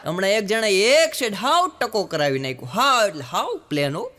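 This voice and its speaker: A man performing stand-up jokes on stage, acting out voices in animated bursts. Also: high-pitched, normal speed, heavy background noise. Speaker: stand-up comedian. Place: live stage show with audience.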